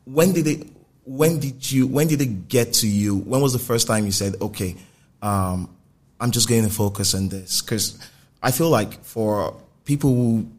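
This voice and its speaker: A man's voice: medium pitch, measured pace, darkish tone. A man interviewing casually, probing and rephrasing his questions as he goes.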